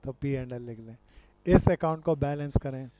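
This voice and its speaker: Amid crowd noise, a male commerce teacher lectures at a moderate pace in a medium-pitched voice. He quizzes the class and calls the students dear friends and brother, and the audio is dull and lo-fi.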